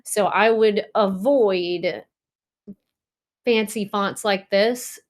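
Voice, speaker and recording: A woman talks her audience through a design project from her home, sharing her screen as she goes. Her delivery is loose and conversational, dotted with ums, likes and little asides, and her pitch sits at an ordinary middle for a woman. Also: drawn-out words. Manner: chatty, lots of ums and likes. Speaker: design tutorial presenter. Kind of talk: casual screen-share walkthrough.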